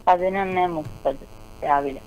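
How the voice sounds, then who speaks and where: A middle-aged woman calling in to a radio show over a faint, distant phone line, giving slow, terse replies. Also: low voice, darkish tone, a little hiss or hum. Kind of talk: phone-in question to an astrologer.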